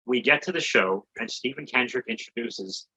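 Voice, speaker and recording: A man's voice: medium pitch, normal speed, bright, forceful tone, husky, highs cut off. A man co-hosting a comedy podcast, rambling and laughing through a profane story. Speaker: podcast co-host. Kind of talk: casual comedy chat.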